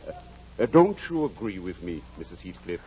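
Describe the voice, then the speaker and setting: A man's voice: deep voice, very animated, normal speed, dark tone, slight background noise. An actor playing a kindly, blunt middle-aged country doctor, dryly witty and fatherly in 1940s radio acting, on a dull old radio broadcast. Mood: wry. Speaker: Doctor Kenneth.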